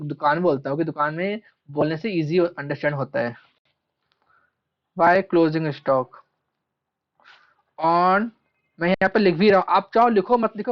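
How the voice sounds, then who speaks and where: Male teacher, classroom lecture; repeats and stretches key terms; dull recording. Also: high voice. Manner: asks questions and answers them himself, repeats key terms; stretches out terms slowly while writing. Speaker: commerce teacher.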